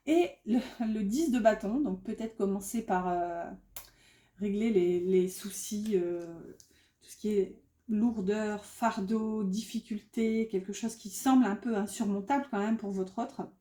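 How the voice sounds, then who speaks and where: A woman's voice: medium pitch, warm tone, echoey room. A woman giving a casual tarot reading, chatty and full of fillers, often correcting herself. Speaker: tarot card reader.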